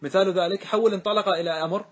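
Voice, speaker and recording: A man's voice: high-pitched, steady tone, racing. A man teaching a grammar lesson, asking the class questions and repeating the answers to them. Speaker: teacher explaining grammar verses.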